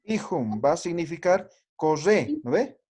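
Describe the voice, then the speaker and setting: A man's somewhat high voice carries a sing-song quality, a little slow, darkish, with a breathy edge. He is teaching a language class, explaining patiently and frequently adding tag questions to confirm his students understand.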